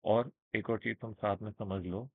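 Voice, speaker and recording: A man teaching trading in a casual screen-share lesson, speaking slowly and checking in with his listeners often. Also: on the low side, fairly even intonation, vocal fry, no room sound. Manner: explains with everyday examples, checks in with listeners. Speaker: trading instructor. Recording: narrow phone-like band, dry.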